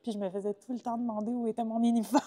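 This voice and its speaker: Her voice sits a little high and dark in tone, with little pitch movement, and she talks fast. She's in her thirties, from Quebec, Canada, and speaks with a Québécois French accent. As an interview guest, once a teacher and now an entrepreneur, she chats casually and talkatively, full of filler sounds.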